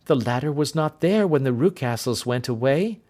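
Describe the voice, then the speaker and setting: A man's voice: medium pitch, animated, moderate pace, a little mellow, pitched above the performer's own voice, close to an everyday voice. A man voicing an anxious young governess who speaks in a raised, breathless way.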